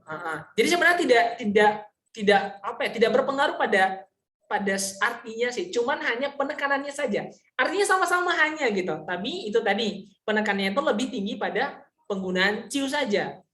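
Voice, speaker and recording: A woman teaching a casual online Mandarin lesson, explaining patiently, saying example sentences slowly and often checking whether her students understand. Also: a little high, lively intonation, a bit bright, roomy sound.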